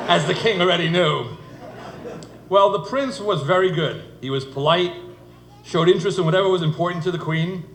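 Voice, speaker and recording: A middle-aged man with a high-pitched voice, the father of the bride, delivers a humorous wedding speech framed as a fairytale. He's at an indoor reception venue, and the recording has an echoey room and noisy event ambience.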